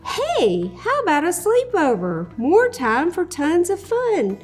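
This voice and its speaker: Woman as sleepy cool male cat, storybook character, high voice, swooping intonation, patient, easygoing. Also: wildly swooping pitch, slow pace, faint music behind, full character voice. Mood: upbeat.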